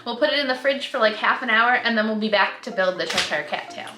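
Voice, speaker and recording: A woman's voice: a little high, quick pace, noisy background. A woman co-hosting a casual home cooking video, chatty and explaining the recipe plainly. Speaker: co-host. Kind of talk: casual chat. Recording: roomy echo, light music.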